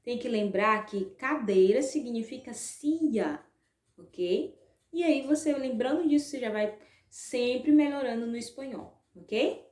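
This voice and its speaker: Slow, syllable-stressing woman teacher in an echoey room. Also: a little high, darkish tone. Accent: Brazilian Portuguese. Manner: slow, drawn-out, spelling out syllables; checks in with frequent "ok?" and "né?". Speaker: Spanish teacher. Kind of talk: online class lesson.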